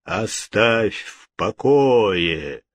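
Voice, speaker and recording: A man voicing a solemn ghostly voice that speaks slowly and gravely. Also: on the low side, animated, dry recording. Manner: slow, grave, pronouncing. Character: solemn ghostly male voice from the dark.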